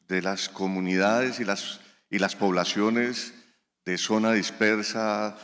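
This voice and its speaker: Low-pitched male executive on a panel, hesitant and repetitive in delivery. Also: a bit bright. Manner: halting, many restarts, rhetorical repetition. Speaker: panelist, health insurer executive. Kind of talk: panel discussion answer. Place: conference hall.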